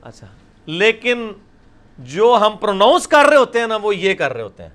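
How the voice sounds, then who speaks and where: A man's voice: high-pitched, sing-song, fairly bright tone. A man teaching Quran recitation in a classroom lecture at a blackboard, explaining patiently and often checking in with his listeners.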